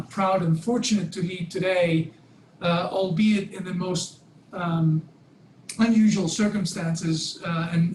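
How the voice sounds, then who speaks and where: A Belgian man in his forties, a native Dutch speaker and president of a hotel company, gives a guest talk over a video call, full of fillers and restarts. His voice is high-pitched and reverberant, and the poor audio carries some hiss or hum.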